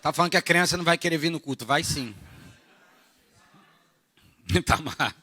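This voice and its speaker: A man from Brazil with a Rio de Janeiro accent preaching a sermon at a church retreat, animated and jokey, moving from soft asides to shouted bursts. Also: a little high, normal speed. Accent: Rio de Janeiro Portuguese. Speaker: pastor.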